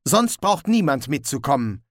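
A man voicing an earnest, calm young watch captain in an audiobook. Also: medium pitch, normal speed, dry recording, studio quality, pitched above the performer's own voice.

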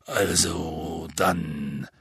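A man voicing a gruff, nervous giant gamekeeper in an audiobook, with halting, clipped speech. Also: very deep voice, steady tone, fairly bright tone, no room sound, clean studio sound, voice pushed down, full character voice. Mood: hesitant. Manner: hesitant, halting. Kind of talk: audiobook character voice.

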